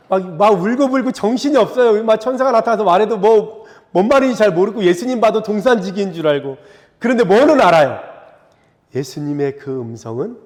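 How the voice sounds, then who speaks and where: A man preaching a sermon as pastor, in a conversational way that keeps asking the congregation to agree, and he acts out the scripture voices with dramatic pauses. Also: sits high, darkish tone. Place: church sanctuary. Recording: reverberant church sanctuary.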